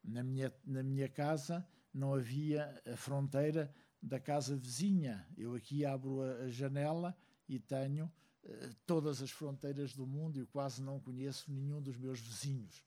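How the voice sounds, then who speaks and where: A man from Angola giving a reflective speech to a seated audience, measured and full of hesitant pauses. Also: medium pitch, steady tone, warm tone. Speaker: speaker at a book launch.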